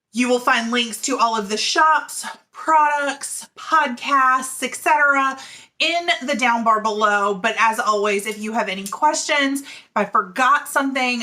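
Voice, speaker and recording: A chatty woman in her forties, a middle school teacher who hosts a knitting podcast, talks straight to the camera about her knitting. Her bright, fairly high voice is full of easy laughter and fillers like "um" and "like."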